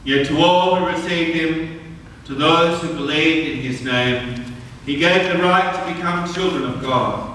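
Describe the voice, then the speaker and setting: A man's voice: a little high, a bit bright, a little hiss or hum. Man reading scripture at a pulpit microphone. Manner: measured, solemn reading aloud. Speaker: reader at a church service. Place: large church. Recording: echoey church hall, distant mic.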